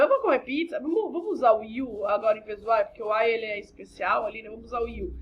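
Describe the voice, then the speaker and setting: A young woman with a Brazilian Portuguese accent teaching an English grammar class online, chatty and thinking aloud as she addresses her students. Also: on the high side. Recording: dull lo-fi home recording.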